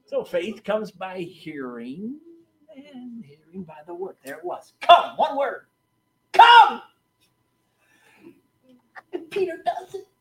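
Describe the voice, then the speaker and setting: A man preaching a sermon to a seated audience, animated, laughing often and swinging from quiet asides to shouted lines. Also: sits high, a little slow, gravelly. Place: church or meeting hall with seated audience.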